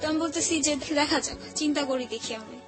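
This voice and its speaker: A young woman from Old Dhaka, Bangladesh, with a Dhaka accent, tells her life story as a guest in a high-pitched, fairly quick voice. She speaks colloquially and acts out conversations she remembers, with music playing beneath her.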